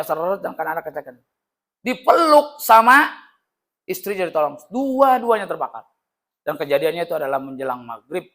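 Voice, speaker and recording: A man teaching a lively, joking religious class and acting out the voices he quotes. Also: sits high. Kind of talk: lively classroom lesson with jokes.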